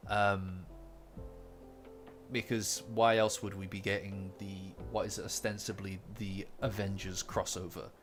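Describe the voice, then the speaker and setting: A man's voice: deep voice, little pitch movement, measured pace. A man hosting a casual livestream, rambling with many fillers, repeated words and restarts. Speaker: manga commentary livestream host. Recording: faint lofi music behind. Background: faint lofi guitar music.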